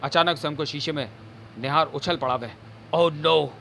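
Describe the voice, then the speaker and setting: A man's voice: fairly high pitch, brisk, sharp tone, slight background noise. A man narrating a horror comic in a theatrical, suspenseful storytelling style. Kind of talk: dramatic audio comic narration.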